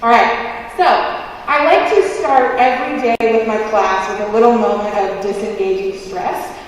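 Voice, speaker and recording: In a big, very reverberant gym, a woman with a fairly high voice speaks through a face mask, heard from some distance. She gives an informal keynote in a chatty, playful, self-deprecating way, like a preschool teacher addressing grown-ups. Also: unhurried. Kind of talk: informal keynote speech with audience games. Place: large indoor gymnasium. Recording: very echoey gym, distant, faint noise.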